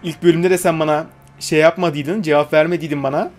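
Young man, fairly high voice, casual gameplay commentary, jokey, talks to game characters. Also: steady tone, fast. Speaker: gaming YouTuber.

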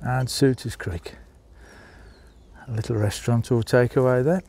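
A gravelly, dark-toned man with a Birmingham accent narrates a walking tour through a small seaside town, filming on a handheld phone. His mid-range voice stays fairly even at a measured pace as he chats to viewers, calling them folks.

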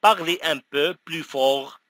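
A man teaching, saying each short phrase twice slowly and clearly for learners to repeat. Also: a little high, sharp tone, dry recording, clean studio sound. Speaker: language teacher. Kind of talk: slow phrase-by-phrase pronunciation drill.

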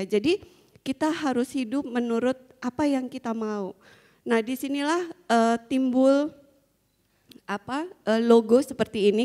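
A woman's voice: fairly high pitch, darkish tone. A middle-aged woman founder giving a chatty conference talk into a handheld microphone, telling stories with frequent fillers and small laughs. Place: large conference hall with a seated audience. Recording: long hall reverb.

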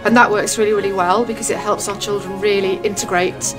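A woman from a school's staff calmly describing the school's support for children in an interview. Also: medium pitch, brisk. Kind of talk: interview answers. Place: school corridor, indoors. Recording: with background music.

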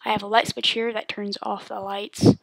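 A woman's voice: medium pitch, normal speed, creaky, breathy edge. Woman rambling through a game tour. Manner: relaxed, rambling with many ums. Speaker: gamer giving a world tour. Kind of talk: casual game tour narration.

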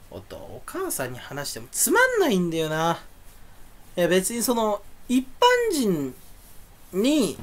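Ranting young man, lively swinging pitch. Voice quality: voice sounds angry even when not. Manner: grumbling, ranting complaints with sudden loud outbursts. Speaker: streamer. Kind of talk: solo rambling monologue.

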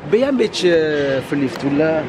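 A man hosting a vlog, talking in playful, loud casual banter and calling out with many repeated words, outdoors on a city street. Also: fairly high pitch, lively intonation, normal speed. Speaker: vlog host. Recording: street noise behind the voice.

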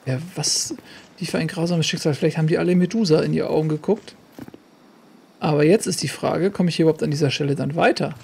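A man's voice: a little high, vocal fry, darkish tone, slight background noise. A man giving casual gameplay commentary as a let's play host, chatty and jokey, talking to himself and the game.

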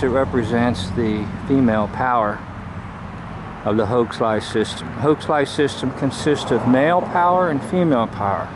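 A man talks earnestly in a measured, explanatory way as he films a building from outdoors. His voice sits at an ordinary pitch. Traffic and outdoor hum run clearly behind him on the camera mic. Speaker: video host. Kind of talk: filmed religious commentary. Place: outdoors by a church. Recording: outdoor street noise behind.

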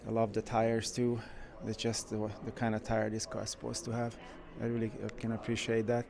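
A man who runs a car shop, walking through a car museum and giving casual, enthusiastic commentary with frequent pauses. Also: fairly low pitch, monotone, creaky, a crowd in the background. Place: indoor car museum halls.

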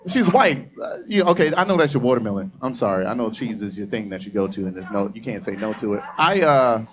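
A man's voice: on the low side, sing-song, quick pace, muffled recording. A man doing a stand-up comedy set on a club stage, telling a crude story in a brash, profane way and talking to the crowd.

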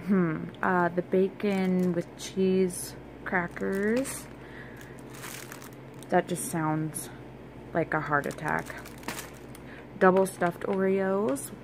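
A woman vlogger films herself on a handheld phone at home, moving through the kitchen and dining room as she casually shows off her grocery haul. Her voice sits on the low side and is creaky, with fairly even intonation, drawn-out words, lots of fillers and long pauses. Background noise is audible.

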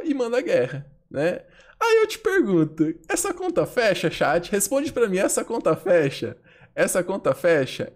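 A man with a Brazilian accent giving live gameplay commentary to his chat, slangy and provocative, repeating phrases like chants. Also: high-pitched. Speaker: game streamer.

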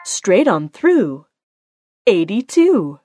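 A woman working as a bingo caller, announcing each call deliberately in short, separate phrases. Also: medium pitch, sing-song, warm tone, slightly rough, no room sound. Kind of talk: bingo calling with rhyming nicknames, announced number by number. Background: music.

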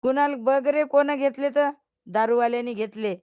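A woman's voice: high voice, normal speed, mellow, clean tone, no echo, clean studio sound. An older woman hosting a casual live stream, teasing and scolding her viewers and often breaking into laughter.

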